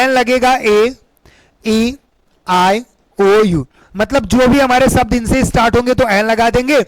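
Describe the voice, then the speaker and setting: A man with a strikingly high voice gives an exam-prep English lesson. He teaches with emphasis, repeats his points and keeps asking the class questions, recorded dry and close to the mic. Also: no room sound, rough recording. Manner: emphatic, repeats questions to students, calls them beta.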